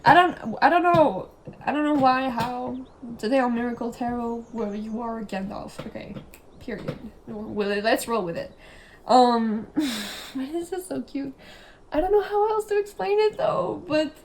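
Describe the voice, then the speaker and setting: A young woman, a native French speaker, gives a casual tarot reading, chatty, giggly, and rambling, sometimes sinking into a soft whisper. Her pitch is fairly high. The low-quality recording has slight background noise.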